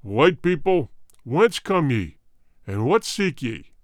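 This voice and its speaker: A man voices a cruel one-eyed tyrant king who speaks in a slow, thundering voice, deep and heavy with menace. The recording is dry and close, with no room around it. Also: big pitch swings, no room sound. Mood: cold, stately. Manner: booming, menacing, slow commands.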